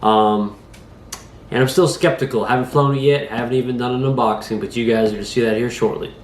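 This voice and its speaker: Here a man on the mend from a cold reviews a drone from his kitchen table, folksy and talkative with lots of fillers. His voice is medium-pitched and fairly even, moving fairly quickly. The room gives noticeable echo.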